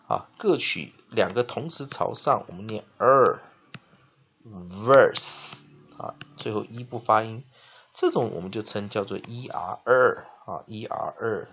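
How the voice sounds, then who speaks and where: A male teacher explaining English spelling, spelling words out letter by letter and repeating them slowly. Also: mid-range voice, vocal fry, fairly bright tone, slightly rough. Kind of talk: classroom-style lesson explanation. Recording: dull lo-fi recording with faint noise.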